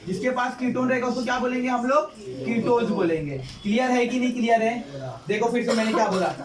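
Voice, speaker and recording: A male chemistry teacher lecturing a class, repeating points and quizzing students with questions. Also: very high-pitched. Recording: echoey classroom, distant mic, student chatter.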